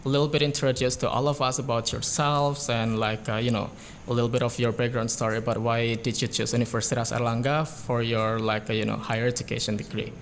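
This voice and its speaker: A man's voice: mid-range voice, level tone, quick pace, slight background noise. A man hosting a university podcast, talking casually with lots of "you know" and "like". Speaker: podcast host. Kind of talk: podcast interview.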